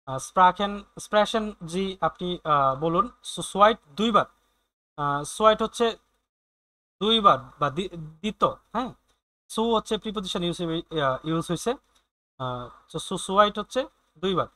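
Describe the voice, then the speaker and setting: A man's voice: sits high, animated, moderate pace, pauses often, bright, forceful tone, no echo. A man teaching a German coursebook lesson, translating phrases with frequent hesitant fillers and repetitions. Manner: hesitant, many "ah" fillers, repeats words while translating. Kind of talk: explaining a German coursebook in Bengali.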